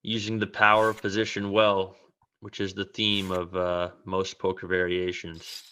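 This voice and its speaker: A man's voice: low voice, completely flat delivery, moderate pace, pushed and bright, low-quality recording. A man giving analytical, conversational poker commentary as a co-commentator.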